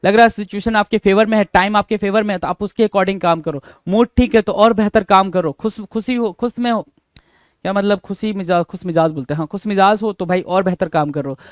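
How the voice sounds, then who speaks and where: Guy teaching english idioms in hindi, high clear voice, dry close sound, says each idiom slow. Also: dry recording. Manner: explains in Hindi, repeats English idioms slowly and deliberately; asks the class rhetorical questions, calling them "bhai". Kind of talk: exam-prep vocabulary lesson.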